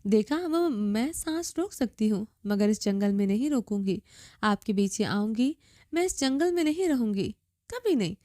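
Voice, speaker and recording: A woman's voice: on the high side, few pauses, mellow, dry recording, clean studio sound, natural voice. A woman voicing a terrified young woman who stammers and pleads through tears. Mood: defiant.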